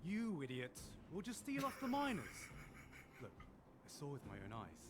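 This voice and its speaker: A man's voice: a little high, wildly swooping pitch, measured pace, background noise. A man voicing a scornful, scheming vagrant thug in a video game.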